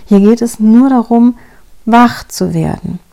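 A woman's voice: on the high side, a little slow, gravelly, mellow. A woman hosting a show, giving direct and reassuring parenting advice straight to her listeners. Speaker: parenting coach and podcast host.

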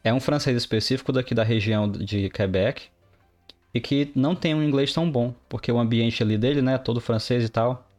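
Male co-host, animated storyteller, medium pitch. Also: brisk, faint music behind. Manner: animated storyteller, mimics others' phrasing. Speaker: podcast co-host, developer. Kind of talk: casual podcast chat.

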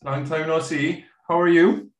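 Higher-voiced Cork man in an echoey room. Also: steady tone, unhurried, faint music behind. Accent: Irish, Cork. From Cork, Ireland. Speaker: podcast host. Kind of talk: casual chat interview. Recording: roomy, echoey sound.

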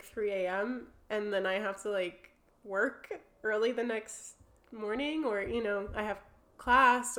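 Young woman, New Jersey accent, podcast guest, chatty and relaxed, middle pitch. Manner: chatty, full of fillers, laughs easily. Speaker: artist guest. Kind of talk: casual podcast conversation.

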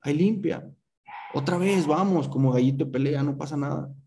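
A man's voice: on the high side, brisk, mellow, a little hiss or hum. A man giving a motivational speech to his sales team on a group call, emphatic and full of rhetorical questions, with some swearing.

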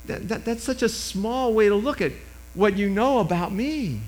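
A man in his sixties preaches a sermon into a microphone, his loud voice swinging emphatically between booming and hushed. His voice sits high and is expressive, delivered at normal speed.

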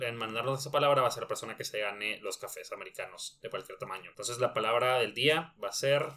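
A man with a Mexican accent hosting a podcast, relaxed and slangy as he explains a sponsor giveaway. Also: medium pitch. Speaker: podcast host. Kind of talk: casual podcast chat and sponsor read.

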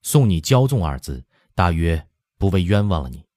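Guy doing a calm stern prince, flat measured talk, low dark voice. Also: no room sound, studio quality. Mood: coolly stern. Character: composed imperial prince, cool and quietly stern.

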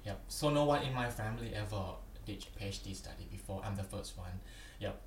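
A man's voice: on the low side, fairly quick. A young man from Thailand with a Thai accent, answering interview questions earnestly and plainly, often adding "yeah". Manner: earnest, plain phrasing with frequent "yeah" and "yep". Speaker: podcast guest, PhD candidate. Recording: roomy, distant from the mic, faint background noise.

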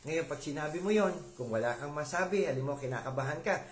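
A man's voice: a little high, lively intonation, a little fast. Echoey man preaching casually. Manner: conversational, asks listeners to agree. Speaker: lay preacher. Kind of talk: informal sermon mixing Filipino and English. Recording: echoey room with faint background noise.

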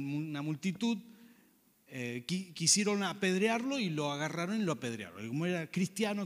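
A man's voice: on the high side, in a large hall. A man preaching a sermon, earnest and conversational, often asking the listeners questions.

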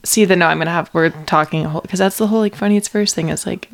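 A woman's voice: fairly low pitch, very fast. A young woman hosting a podcast, chatting casually and teasing her guest with frequent laughs. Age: young adult. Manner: giggly, teasing. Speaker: podcast host. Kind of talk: casual chat.

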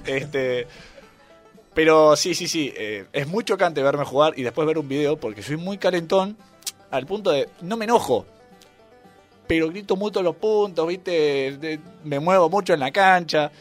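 With a fairly high, unhurried voice and an Argentine Spanish accent, this man is a volleyball player and YouTuber being interviewed on radio. He's a joking, animated storyteller, and faint music sits under the studio recording.

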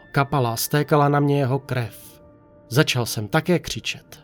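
A man reads a first-person horror story in a calm, measured way. His voice sits at a middle pitch, and faint music runs beneath the narration.

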